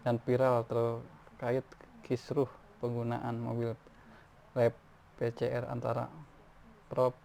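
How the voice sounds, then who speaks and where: A man's voice: mid-range voice, gravelly, a little mellow. A man reading news articles aloud, often stumbling and restarting words. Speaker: news reader. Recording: faint background noise.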